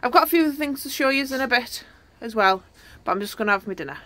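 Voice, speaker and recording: Her voice a little high and lively in intonation, a middle-aged woman talks fast while walking viewers around her allotment garden. The vlog is shot on a handheld phone camera, she chats casually and points things out, and heavy wind noise comes through.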